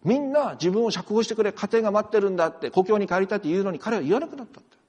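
A man preaching a sermon as a pastor, animated and moving between soft, quiet passages and emphatic ones. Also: high-pitched, racing, husky, in a large hall. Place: church.

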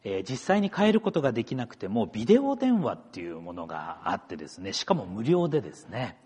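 A man's voice: medium pitch, sing-song, fast talker, a little mellow, husky, in a large hall. A middle-aged man from Akita, a pastor giving a chatty sermon, talking straight to the congregation. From Akita, Japan. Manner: chatty, story-telling asides that address the congregation. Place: church sanctuary.

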